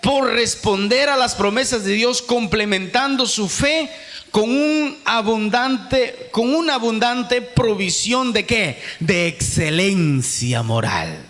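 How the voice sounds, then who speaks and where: Lively high-voiced Peruvian preacher in a hall. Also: male voice, slow pace. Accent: Peruvian Spanish. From Peru. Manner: asks rhetorical questions and answers them himself; reads scripture aloud, then explains it. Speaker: youth conference preacher. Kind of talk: sermon. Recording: long reverb of a large hall.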